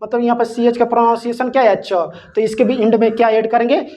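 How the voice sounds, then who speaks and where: A man gives a classroom-style English grammar lesson, spelling words out letter by letter and asking rhetorical questions. His voice is very high-pitched and mellow, with a level tone and a quick pace.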